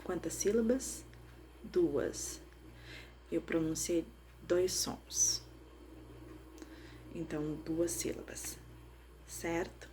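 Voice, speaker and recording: A woman's voice: lowish voice, extremely slow, long pauses, warm tone, slight background noise. A woman teaching children about letters and syllables, patiently sounding out each one. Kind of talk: explaining phonics to children.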